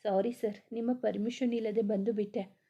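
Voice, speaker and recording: A woman's voice: medium pitch, level tone, moderate pace, mellow, lo-fi sound, close to an everyday voice. A woman voicing a blunt, outspoken young female office worker in a storybook reading.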